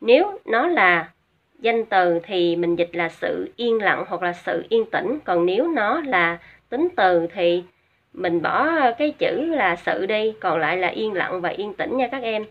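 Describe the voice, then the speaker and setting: A woman's voice: medium pitch, animated, a little slow. Vietnamese woman teacher, dull lo-fi audio. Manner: patient, repeats each word twice for pronunciation drill; hesitant fillers while explaining. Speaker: English teacher. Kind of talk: recorded vocabulary lesson for students.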